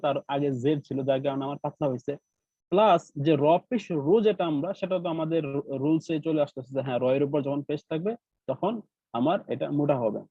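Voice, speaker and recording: A man with a Bangladeshi Bengali accent teaches recitation rules patiently, breaking each point into small steps and checking in with his students. His voice sits a little high for a man. The sound is dry and tinny, like a call line. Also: no echo. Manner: patient, explains step by step, often checks with "right?". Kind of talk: online class explanation.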